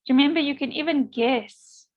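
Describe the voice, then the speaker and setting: A woman's voice: high-pitched, normal speed, lo-fi sound. A woman lecturer giving an online class, encouraging students and often checking in with "okay?".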